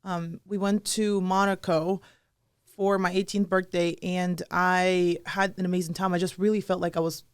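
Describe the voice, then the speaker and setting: A woman's voice: fairly low pitch, flat delivery, moderate pace, clear, resonant tone, no echo, studio quality. A young woman from Russia with a Russian accent and a touch of British English, telling her story as a podcast guest in a chatty way, full of fillers. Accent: Russian, with some British English. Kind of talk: casual interview chat.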